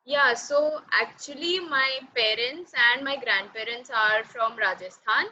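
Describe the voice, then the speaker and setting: Chatty young Indian woman, bright high voice. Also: measured pace, highs cut off, a little hiss or hum. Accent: Indian English. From Mumbai, India. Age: 20s. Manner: chatty, laughs easily, many fillers. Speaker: interviewee. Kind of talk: casual interview chat.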